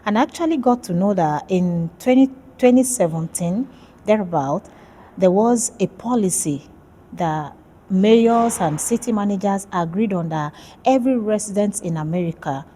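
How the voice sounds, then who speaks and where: A woman's voice: medium pitch, animated, moderate pace, dark tone, slightly rough. A woman from Nigeria, a PhD student, talking about her research in a casual interview, friendly and hesitant with many fillers.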